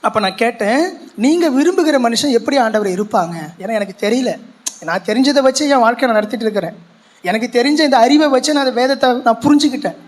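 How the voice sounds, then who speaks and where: A man's voice: very high voice, fast. A male pastor with a Tamil Nadu Tamil accent preaching a sermon in a large church hall, telling a personal story earnestly with repeated rhetorical questions.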